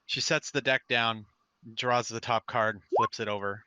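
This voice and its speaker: Bright-voiced male game master narrating. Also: mid-range voice, a little slow, clear, resonant tone, no echo, lo-fi sound. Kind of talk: narrating a tabletop role-playing game.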